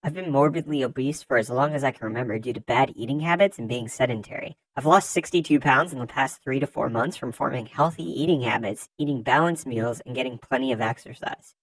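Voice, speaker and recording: A narrator reading forum posts aloud in scripted narration, with lively swings in pitch and loudness. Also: a little fast, few pauses, a little hiss or hum, low-quality recording.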